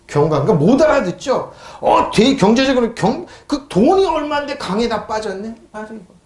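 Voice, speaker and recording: A man's voice: sits high, darkish tone, echoey room. A male pastor preaching a sermon who keeps asking his congregation questions and answering them himself. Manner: mocks scoffers in a raised voice. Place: church sanctuary.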